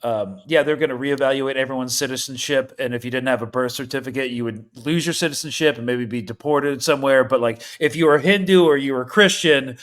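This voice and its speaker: A man in casual conversation on a video call, asking halting questions while his audio cuts out and his volume swings up and down. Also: medium pitch, fairly bright tone. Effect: audio cutting out, uneven volume.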